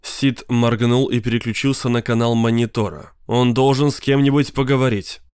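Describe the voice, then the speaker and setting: A man reading an audiobook in measured scripted narration. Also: mid-range voice, fairly even intonation, darkish tone, clean tone, dry recording, studio quality. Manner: measured storytelling.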